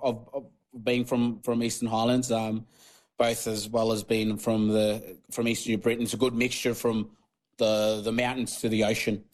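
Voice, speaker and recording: Guesting on a casual podcast interview, a former rugby league player born in Papua New Guinea speaks in a lowish voice with flat delivery at a moderate pace. Tok Pisin is his first language. He rambles, filling his talk with fillers and restarts.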